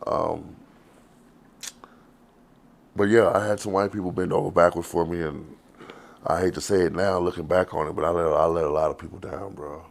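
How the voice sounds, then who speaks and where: A man's voice: sits low, fairly even intonation, moderate pace, vocal fry, long pauses. A man, telling his life story in a loose, rambling, profane way in an interview. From Texas. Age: 40s. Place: outdoors on the street.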